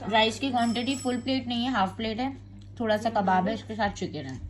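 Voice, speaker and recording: A woman's voice: on the high side, a little fast. A woman in her thirties chatting casually to camera as a family vlogger, talking to her viewers as guys. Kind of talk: casual vlog chat to camera.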